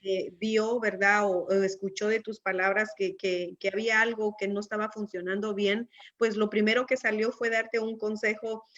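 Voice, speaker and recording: A woman's voice: medium pitch, flat delivery, normal speed, few pauses, fairly bright tone. Reflective woman host, slightly muffled. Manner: reflective, frequent tag questions. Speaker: host of church program. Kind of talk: church interview conversation. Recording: slightly dull lo-fi sound.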